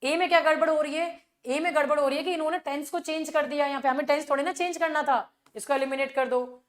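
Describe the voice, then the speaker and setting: A woman's voice: sits high, fairly even intonation, fast. A woman with an Indian accent teaching an exam revision class, explaining with rhetorical questions and repeated filler phrases. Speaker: English teacher.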